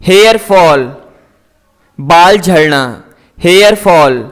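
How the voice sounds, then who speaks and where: A man teaching English words, saying each word and its meaning twice in a slow, deliberate drill. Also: sits high.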